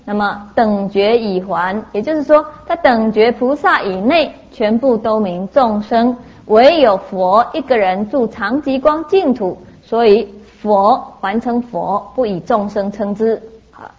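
Woman, Buddhist teacher, highish voice, storytelling sermon, lo-fi sound. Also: unhurried. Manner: lively anecdotal telling, frequent "ah" fillers.

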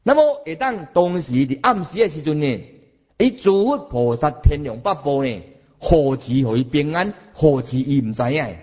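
A man with a Taiwanese accent giving a Buddhist sermon, animated, chanting examples and questioning his listeners. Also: on the high side, moderate pace, muffled recording. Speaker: Buddhist teacher.

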